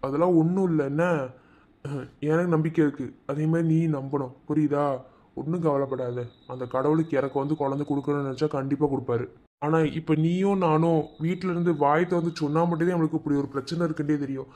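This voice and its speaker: A man's voice: a little high, quick pace, dark tone, lightly acted. A man voicing an easygoing, joking village husband in a cartoon, speaking with a Madurai Tamil accent in a coaxing, talkative way. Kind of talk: cartoon voice acting.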